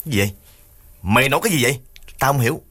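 A man's voice: medium pitch, lively intonation, fast, bright, forceful tone, breathy edge, pitched above the performer's own voice. A man voicing a short-tempered older brother, scolding his younger sibling in brusque questions. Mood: irritated, scolding.

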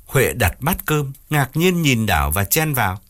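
A man narrating an audiobook story in a steady storytelling manner. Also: medium pitch, unhurried. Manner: steady storytelling, voices each character.

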